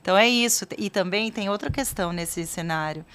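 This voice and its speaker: Woman, parent educator, podcast guest, casual talk, acts out quotes, middle pitch. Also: a little fast, a bit bright, clean tone.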